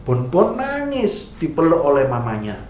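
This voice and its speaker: A man teaching Sunday school, telling a story slowly and animatedly to children. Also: a little high, huge pitch swings, darkish tone, soft background music. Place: church room. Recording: echoey room.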